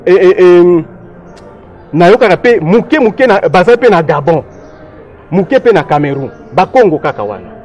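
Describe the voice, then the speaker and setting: A man's voice: sits high, sing-song, normal speed, darkish tone, lo-fi sound. A man from DR Congo, giving emphatic, lecturing political commentary in a discussion and running through lists of places and dates.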